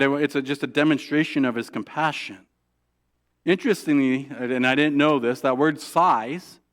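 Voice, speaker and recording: Guy pastor preaching, casual and chatty, lots of "right?", stumbles and restarts, middle pitch. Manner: conversational, keeps asking "right?"; acts out quoted prayers in a soft, hushed voice. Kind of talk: sermon.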